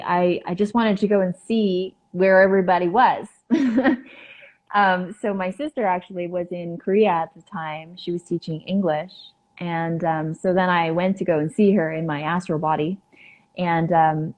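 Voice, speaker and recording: A woman with a fairly low, slightly mellow voice shares something personal on a podcast where she's a guest. She speaks earnestly, stopping and starting, and fills the gaps with plenty of fillers.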